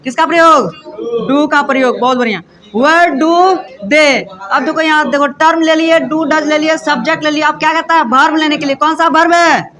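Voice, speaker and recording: Teacher guy, really high voice, keeps firing questions at the class. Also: fairly even intonation, brisk, crowd noise. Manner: quizzing students with call-and-response questions. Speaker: English grammar teacher. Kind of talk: classroom lesson.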